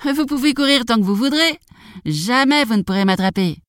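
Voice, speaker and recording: A man's voice: extremely high pitch, animated, moderate pace, a bit bright, dry recording, pitched above the performer's own voice. A cheeky little gingerbread man, as a woman reader puts him on in a raised, bouncing voice. He boasts and taunts in a sing-song lilt that swings widely up and down, close and dry. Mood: boastful taunting.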